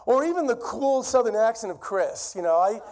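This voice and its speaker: A man's voice: extremely high pitch, animated, a little fast, darkish tone. A man with a Boston accent giving a sermon as a guest preacher at a church pulpit, in a conversational, self-deprecating way. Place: church sanctuary.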